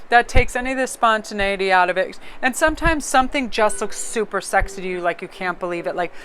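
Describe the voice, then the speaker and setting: A woman's voice: medium pitch, lively intonation, quick pace, fairly bright tone, a little hiss or hum. Chatty woman giving a tarot reading. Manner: chatty and rambling, laughs easily. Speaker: tarot card reader. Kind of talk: casual tarot reading monologue.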